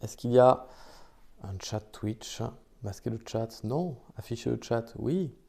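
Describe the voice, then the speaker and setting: A man's voice: medium pitch, measured pace, creaky, warm tone. A man casually chatting to his viewers during a live stream, talking into a phone. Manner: chatty and improvised, talks to his chat.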